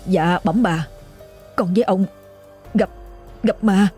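A woman's voice: mid-range voice, slow, mellow, husky, soft background music. A woman voicing a frightened young male servant boy who trembles and stammers. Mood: stammering.

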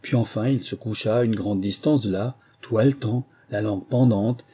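Give me a man reading a storybook aloud, warm and a little breathy. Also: on the low side, normal speed. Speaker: audiobook narrator. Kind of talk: scripted narration.

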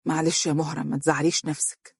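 A narrator voicing a gentle young man with an Egyptian accent. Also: fairly high pitch, flat delivery, quick pace, creaky, husky, dry recording, studio quality. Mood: subdued. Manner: soft, subdued.

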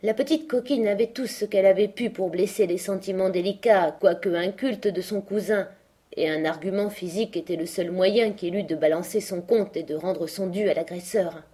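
An audiobook reader delivers a classic novel as scripted narration at normal speed. Her voice is mellow with a breathy edge, and she raises her pitch and volume whenever she reaches quoted speech.

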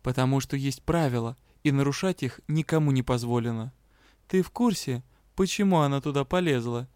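Give me a commanding, indignant female captain, read by a man, crisp and dry. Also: mid-range voice, brisk, dry recording, close to an everyday voice. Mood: stern. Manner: sharp, commanding. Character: stern female academy captain, strict and indignant.

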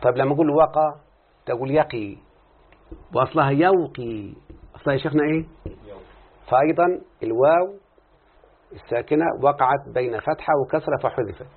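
A sheikh with an Egyptian Arabic accent teaches Arabic morphology in a recorded lesson. His voice is husky and medium-pitched, fairly quick, with frequent pauses, and he poses questions to his students before answering them himself, mixing classical and colloquial speech. The tinny recording sounds like it came through a phone.

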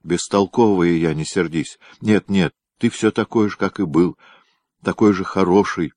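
A jealous, tearful young woman pleads and reproaches in an audiobook scene, as a man reads her. The voice is low but lifted above the narrator's own tone and sits in a dry, close space. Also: moderate pace, darkish tone, dry recording, natural voice. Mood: tender. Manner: pleading, emotional. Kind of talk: audiobook character reading.

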